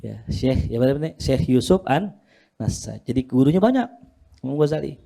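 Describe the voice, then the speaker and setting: A man's voice: medium pitch, animated, moderate pace, creaky, mellow. A man teaching a religious study class to his students in a casual, joking way. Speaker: Islamic teacher.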